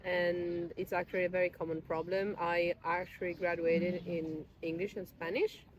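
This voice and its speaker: A woman's voice: on the low side, little pitch movement, moderate pace, low-quality recording. A woman in her twenties, a guest in a casual chat outdoors in a park, explaining at length in a thoughtful, self-deprecating way. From Italy. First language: Italian.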